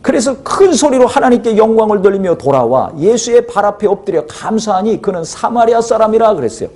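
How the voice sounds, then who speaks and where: A man's voice: high voice, animated, a little fast, dark tone. A male pastor preaching a sermon, putting rhetorical questions to the congregation.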